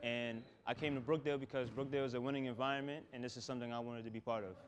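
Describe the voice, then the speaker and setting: A young male college basketball player from New Jersey hurries through his introduction. He speaks fast, with faint background noise behind him. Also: mid-range voice, fairly even intonation. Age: young adult. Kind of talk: scripted self-introduction.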